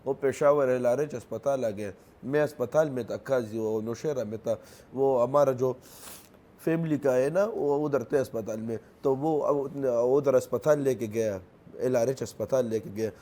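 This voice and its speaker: A young grieving man with a Pashto accent, a native Pashto speaker, recounting events in an interview in halting, broken phrases that repeat themselves. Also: mid-range voice, dark tone. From Khyber Pakhtunkhwa, Pakistan.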